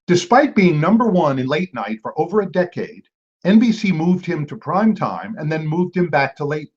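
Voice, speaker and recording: A man's voice: fairly high pitch, sing-song, moderate pace, darkish tone, breathy edge. A man hosting an online trivia game as quizmaster, playful, with jokey asides. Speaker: trivia quiz host. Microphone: video call. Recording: dull lo-fi video call audio.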